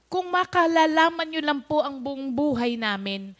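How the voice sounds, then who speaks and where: Woman host, high pitch, storytelling testimony, Taglish, acts out dialogue. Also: animated, moderate pace, fairly bright tone. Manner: storytelling, mixes English into Tagalog, acts out quoted speech. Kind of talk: personal testimony told to viewers.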